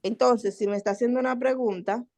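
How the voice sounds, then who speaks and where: A woman's voice: a little high, steady tone, brisk, creaky, a little mellow. A woman student speaking up on a video call. She talks in a hesitant way, stopping with fillers as she works through her question for the teacher. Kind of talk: asking a question in class.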